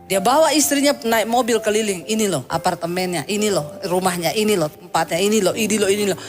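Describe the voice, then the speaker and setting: A woman's voice: mid-range voice, quick pace, soft background music. A woman pastor delivering a sermon, telling a story with humorous asides and vivid quoted voices.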